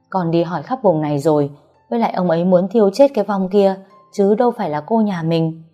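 A woman's voice: on the low side, dark tone, dull audio, close to an everyday voice. A woman voicing a household servant who coaxes and reassures her mistress. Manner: coaxing, reassuring. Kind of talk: audiobook character reading.

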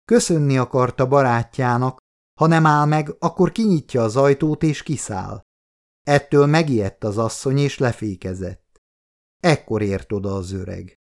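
A man reading a novel aloud as an audiobook narrator, steady and measured. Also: medium pitch. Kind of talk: scripted narration.

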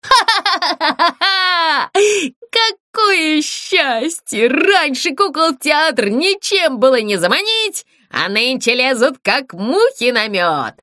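A woman voicing a pompous male ghost who rules a ruined theatre, speaking slowly and menacingly. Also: high-pitched, big pitch swings, pushed and bright, no echo, studio quality, voice pushed up, exaggerated voice. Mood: gloating. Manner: slow, drawn-out and menacing.

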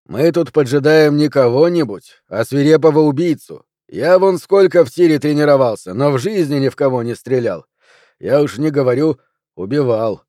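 A man reading an audiobook, voicing a nervous, talkative police officer in a louder, slightly higher voice. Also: expressive, moderate pace, no echo, clean studio sound, close to an everyday voice.

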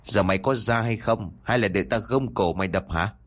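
A man's voice: lowish voice, moderate pace, lightly acted. A man voicing a stern village exorcist who speaks curtly and commands. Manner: curt, commanding. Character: stern rural exorcist, middle-aged man.

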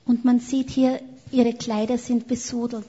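Woman interpreter, higher voice, mellow and husky, long hall echo. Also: flat delivery, a little slow. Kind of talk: live sermon interpretation. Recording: echoey hall, dull sound.

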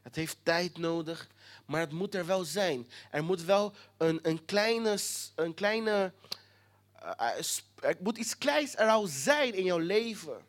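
A preacher giving a sermon with emphatic repetition, sometimes dropping to a hushed near-whisper. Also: mid-range voice, expressive, takes it slowly.

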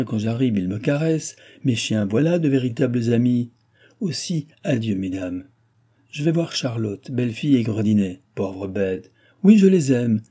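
A man's voice: lowish voice, warm tone, slightly rough. A man reading an audiobook, voicing an aging king who is furious and sorry for himself, grumbling and exclaiming bitterly.

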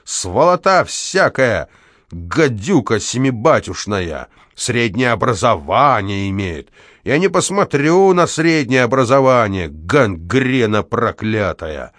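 A man voicing a drunk, enraged male janitor who bellows drawn-out curses in an audiobook. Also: lowish voice, wildly swooping pitch, slightly rough, no echo, studio quality, heavily acted. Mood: furious.

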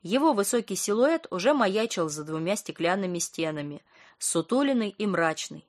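A woman's voice: mid-range voice, expressive, moderate pace. Woman narrating an audiobook. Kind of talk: scripted narration.

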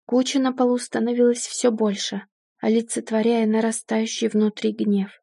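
A woman narrating a first-person story as an audiobook in a steady, measured way. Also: on the high side, creaky, slightly rough, no room sound, studio quality.

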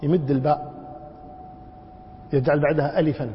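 A man's voice: on the high side, level tone, brisk, slight background noise. A man teaching a religious lesson, demonstrating mispronunciations by drawing words out and telling anecdotes. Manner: demonstrates wrong pronunciations by drawing words out, tells anecdotes with a chuckle. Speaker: religious scholar teaching a book. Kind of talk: classroom lesson on prayer. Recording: dull lo-fi recording in a reverberant hall.

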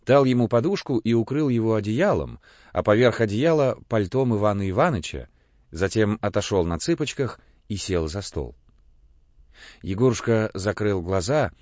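A man narrates a literary audiobook in a measured, expressive way. His voice sits low and moves a lot in pitch. The audio is dry and somewhat muffled. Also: no echo.

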